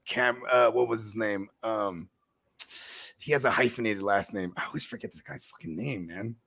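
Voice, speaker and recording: A man co-hosting a casual live stream, rambling through animated stories, swearing and often adding "you know what I mean". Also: fairly low pitch, normal speed, vocal fry, no echo, studio quality. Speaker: co-host, league commissioner.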